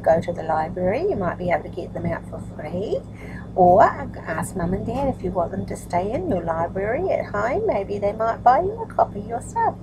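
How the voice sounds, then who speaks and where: With a medium-pitched voice, an older woman of grandmother's age talks to young children, asking tag questions in a nurturing way, and then moves into reading books aloud. Background noise can be heard.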